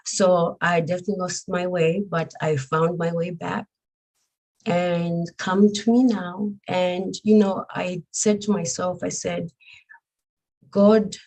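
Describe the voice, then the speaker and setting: Soft-voiced woman from Zambia, earnest. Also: on the low side, gravelly, poor audio. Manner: earnest, reflective, with frequent pauses and fillers. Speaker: guest. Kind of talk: personal testimony interview.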